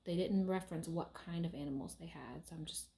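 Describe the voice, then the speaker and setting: Lower-pitched young woman, wry, echoey room. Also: big pitch swings, fairly quick, gravelly, dark tone. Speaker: session leader asking questions. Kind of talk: casual questioning and commentary. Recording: roomy, echoey sound.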